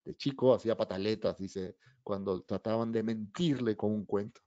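Man, middle-aged author, storytelling, mellow voice, dull dry recording. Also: lowish voice, normal speed, dry recording. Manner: animated storyteller acting out dialogue. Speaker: children's book author. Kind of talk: anecdotal talk.

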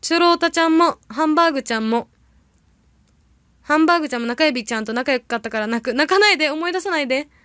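A young woman with a bright, high voice chats casually to her livestream audience. She rambles through stories and reacts quickly to comments. The sound is dry, with no room echo. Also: expressive. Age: young adult. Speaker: idol audition candidate livestreaming. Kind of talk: casual livestream chat reading viewer comments.

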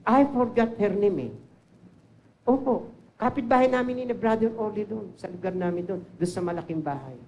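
A man's voice: high-pitched, normal speed, a little mellow. An older man with a Filipino accent preaching a sermon and sharing a personal testimony, switching between Tagalog and English and lifting his voice sharply for emphasis. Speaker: pastor.

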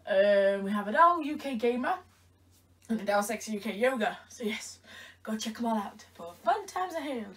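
A woman vlogging in a playful, teasing, chatty way, cooing sing-song sounds between remarks. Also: fairly high pitch. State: short of breath near the end. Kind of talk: casual chatty vlog.

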